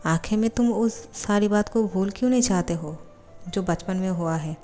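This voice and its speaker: A woman voicing a calm, teasing young male college student who coaxes his rival, in a storybook reading. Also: mid-range voice, moderate pace, soft background music, lightly acted. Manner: teasing, coaxing.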